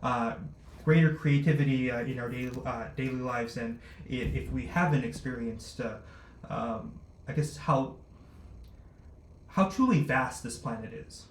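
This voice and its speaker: Man, halting, lots of fillers, echoey room, faint hiss. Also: mid-range voice. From born in Luxembourg, raised abroad. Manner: halting, many fillers and restarts. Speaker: startup founder, guest. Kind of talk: interview answers. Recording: roomy echo, faint noise.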